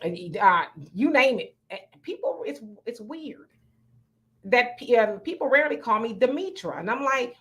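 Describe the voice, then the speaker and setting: Her voice is fairly high, expressive, and fairly bright, with a moderate pace. She's a livestream host who reads viewer comments and chats about them in a frank, playful way.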